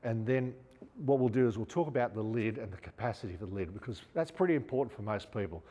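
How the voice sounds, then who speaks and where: A man's voice: fairly low pitch, quick pace, mellow, breathy edge, in a large hall, muffled recording. A man in his fifties with an Australian accent, chatting casually as he demonstrates gear hands-on in a showroom. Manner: chatty, hands-on, talks while working. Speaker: outdoor gear store presenter. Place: large indoor showroom.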